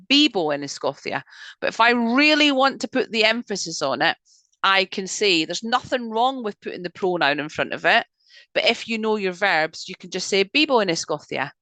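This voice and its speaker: Bright-voiced woman teaching Spanish. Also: medium pitch, no echo. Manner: patient, drills words slowly and checks in with students. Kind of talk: online language lesson. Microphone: video call.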